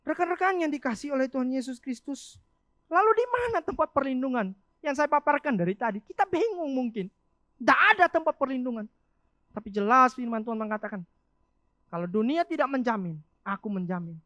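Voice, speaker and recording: A woman preaching a youth sermon in church, animated, asking the listeners questions and answering them herself. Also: high voice, fairly quick, no echo.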